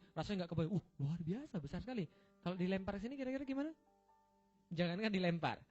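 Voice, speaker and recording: A man with a high, quick voice lecturing like a comic preacher, firing off rhetorical questions and punchlines at his listeners. The recording is dull and lo-fi, with faint music underneath. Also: a bit bright. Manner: joking, quizzing the audience with rhetorical questions. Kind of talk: humorous religious lecture with slides.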